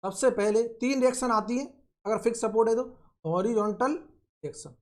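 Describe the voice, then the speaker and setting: Man slowly repeating points as a tutor. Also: very high voice. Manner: slow, drawn-out repetition of key phrases; coaxing, asks and answers his own questions. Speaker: engineering tutor. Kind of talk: recorded online lecture.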